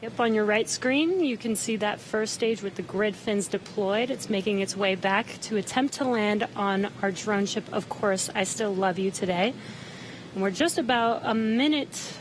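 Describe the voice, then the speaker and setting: Female launch co-host, mid-pitched, explaining live, slight noise behind. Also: poor audio.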